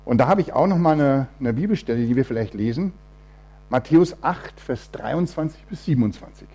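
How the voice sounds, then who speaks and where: Male lay preacher, mellow husky tone, animated storyteller who voices the people in his story. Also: medium pitch, fairly quick. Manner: storytelling, acts out quoted voices. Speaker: church speaker giving testimony. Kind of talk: testimony sermon with Bible reading.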